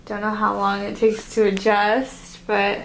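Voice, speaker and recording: A woman's voice: mid-range voice, completely flat delivery, unhurried, reverberant. A woman casually describing what she senses during a ghost hunt, in noisy on-location vlog sound. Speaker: paranormal investigator sensing spirits.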